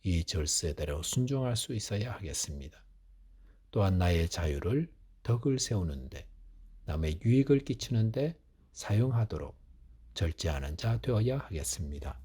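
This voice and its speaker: A male pastor giving a measured early morning sermon in a church, asking rhetorical questions as he explains a scripture passage. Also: low-pitched, sing-song, dark tone, breathy edge.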